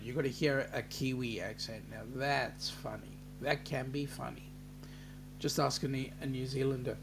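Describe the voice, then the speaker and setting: On a casual live stream, an Australian man reads out viewer comments at an unhurried pace, saying "um" a lot. His voice is mid-range, and the poor audio carries a little hiss or hum.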